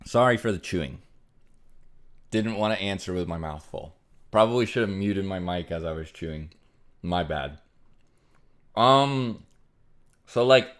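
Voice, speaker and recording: A young man streamer casually chatting and answering donations, rambling with lots of fillers. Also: low voice. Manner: rambling, filler-heavy, frequent "like" and "um". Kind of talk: casual livestream chat reading donations.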